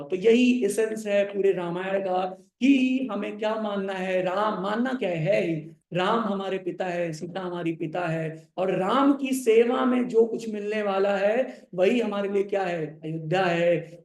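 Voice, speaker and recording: A male preacher giving a sermon. He chants scripture verses slowly, then explains them with rising emphasis and slips English words into his talk. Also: sits high, a little mellow. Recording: echoey hall.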